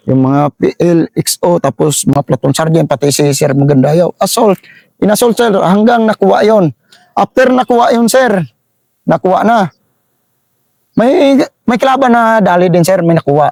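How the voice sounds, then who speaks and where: Visayan-accented middle-aged soldier, halting storyteller with a rough, gravelly voice and a fairly high pitch. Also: male voice, darkish tone, dry recording, clean studio sound. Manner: halting, repeats phrases, keeps saying "sir". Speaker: army sergeant telling a war story. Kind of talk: interview storytelling.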